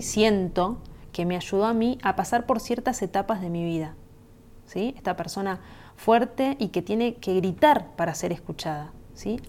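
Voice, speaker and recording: A woman's voice: medium pitch, a little mellow. A woman with a Rioplatense Spanish accent hosting a podcast, talking through a reflective self-help monologue in a conversational way and often checking that the listener follows. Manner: conversational, asks "¿se entiende?" often. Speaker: podcast host.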